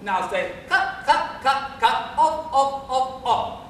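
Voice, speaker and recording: A man playing an impatient, pompous professor in an amateur stage play, lecturing in a brisk, commanding way. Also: extremely high pitch, expressive, sharp tone, a little hiss or hum, heavily acted. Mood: insistent. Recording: echoey stage, distant mic.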